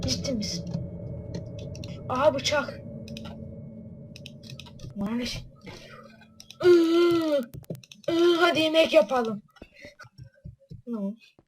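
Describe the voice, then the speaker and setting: A woman giving casual, jokey let's play commentary while playing a horror game, excitable and swearing freely. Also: sits high, very slow, pauses often, a little hiss or hum, rough recording.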